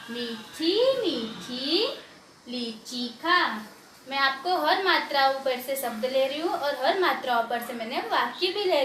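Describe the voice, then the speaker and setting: A woman teaching young children Hindi, spelling words out slowly syllable by syllable and quizzing the class to read along with her. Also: sits high, fairly bright tone, a little hiss or hum. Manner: patient, repeats and questions the pupils, drills them to read along. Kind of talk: slow spelling-out lesson, sounding out each syllable. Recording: roomy echo with faint ambience.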